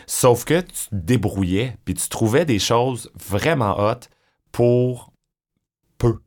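A man's voice: mid-range voice, slow pace. A middle-aged man with a Québécois French accent, chatting as an interview guest and telling stories with lots of fillers. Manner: chatty, animated storytelling with many fillers. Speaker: drag performer, guest. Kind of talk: conversational interview.

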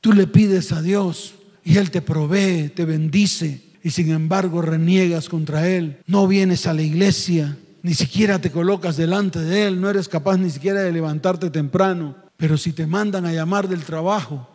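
A man's voice: on the high side, fairly even intonation, normal speed, few pauses, darkish tone, in a large hall. A man preaching a sermon in a church with emphatic call-and-response questions. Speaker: pastor.

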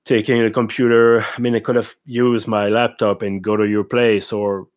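Halting man chatting on a podcast. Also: lowish voice, little pitch movement. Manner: halting, thinks aloud with frequent pauses. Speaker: podcast co-host. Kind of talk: casual chat.

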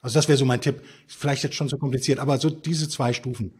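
A man's voice: medium pitch, steady tone, fast, a little mellow, husky. A man, a guest author, explaining ideas in an emphatic, conversational interview style with rhetorical questions. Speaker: podcast guest, stoicism author.

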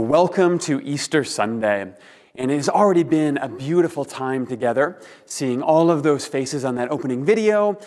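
A man preaching a sermon as a pastor, speaking in deliberate, earnest phrases with rhetorical pauses, in a large empty room. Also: medium pitch, a little mellow. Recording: reverberant empty hall.

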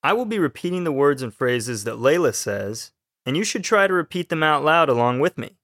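A man's voice: a little high, brisk, no echo, studio quality. Man reading podcast lines evenly. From Texas. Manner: even, read-aloud delivery. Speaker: student co-host. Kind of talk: scripted podcast lesson.

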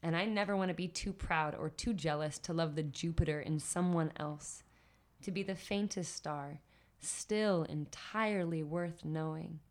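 A woman poet, a guest on a podcast, chatting and then reciting her own spoken word poetry in an expressive, rhythmic way. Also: sits low, measured pace.

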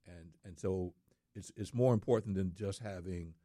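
A man's voice: deep voice, moderate pace, dark tone, no echo. A middle-aged man in casual studio talk, speaking earnestly and repeating words for emphasis.

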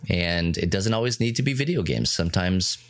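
A man's voice: low voice, animated, a little fast, dry recording. A man co-hosting a casual podcast chat, rambling and correcting himself as he jokes with his co-host. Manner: rambling, self-correcting, playful banter.

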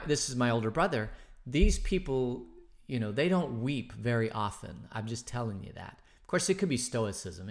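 A man leading an informal Bible study, talking it through conversationally with fillers and restarts, and acting out the characters' lines as he retells the story. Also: medium pitch. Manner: conversational, thinking aloud with many fillers and restarts; acts out the characters' lines in quoted voices. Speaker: Bible teacher.

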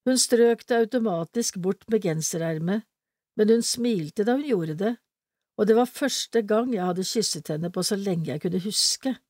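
A woman reading a story aloud in a calm, measured way. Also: mid-range voice, dry recording, clean studio sound.

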